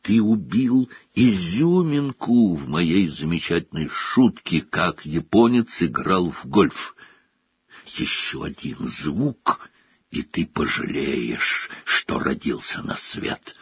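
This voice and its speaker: A gruff, bad-tempered middle-aged uncle, as a male narrator puts him on, growling low and hoarse through clenched teeth. The voice is husky and drops well below the reader's own, recorded dull and dry. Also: animated, takes it slowly, no echo, heavily acted. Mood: menacing.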